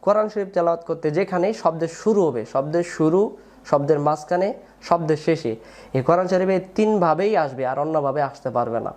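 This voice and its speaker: A man's voice: a little high, fast, darkish tone. Patient man drilling letter sounds. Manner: patient, repeats each sound and drills the viewer; call-and-response drilling. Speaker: Quran reading teacher. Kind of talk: step-by-step spoken lesson.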